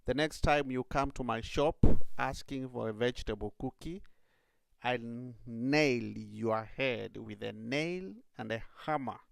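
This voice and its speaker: A grumpy rat shopkeeper makes slow, gravelly threats in a spoken fable, voiced by a man. The sound is close and dry. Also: mid-range voice, no room sound. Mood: threatening. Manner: gruff and threatening.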